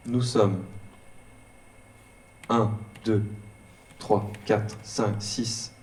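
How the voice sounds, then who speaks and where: Slow, dark synthetic robot voice, male. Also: fairly low pitch. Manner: slow, flat, word-by-word delivery in choppy fragments. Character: robot guide of a stage performance, male-voiced, even-tempered. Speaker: performance guide. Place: performance hall. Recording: distant voice with faint room noise.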